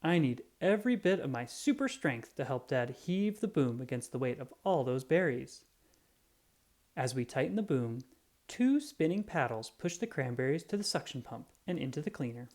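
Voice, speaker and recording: Someone reads a children's picture book out loud, telling the story with plenty of expression. The voice is mid-range and the pace is moderate.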